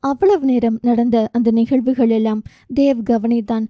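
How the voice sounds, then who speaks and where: A woman's voice: a little high, steady tone, moderate pace, no echo, highs cut off. A woman narrating a romance novel audiobook, reading with feeling and giving each character their own voice. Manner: emotive, voices dialogue with feeling.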